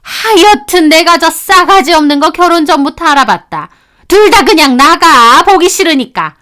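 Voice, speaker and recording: Bossy middle-aged mother-in-law, put on by a woman narrator: high, loud, scolding, sharp-tongued, for a spoken story. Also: expressive, moderate pace. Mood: angry. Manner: scolding, demanding.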